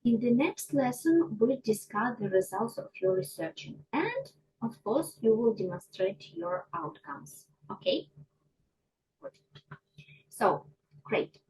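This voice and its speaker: A woman teaching English pronunciation to a class, slow and deliberate, often checking in with her students. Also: on the high side, sing-song, warm tone, rough recording. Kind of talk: online micro lesson.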